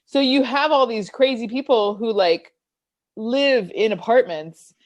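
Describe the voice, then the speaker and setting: A woman in her thirties with a New York accent, co-hosting a casual podcast chat, animated and swearing freely. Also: on the high side, a little slow. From United States. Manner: animated, swearing, laughs often, puts on voices for quotes. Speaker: podcast co-host.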